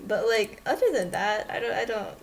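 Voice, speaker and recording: A woman's voice: medium pitch, moderate pace, creaky. A young woman on a call, chatting casually, hesitant and giggly, often stammering and restarting. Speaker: guest on call. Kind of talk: casual chat. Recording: faint background noise.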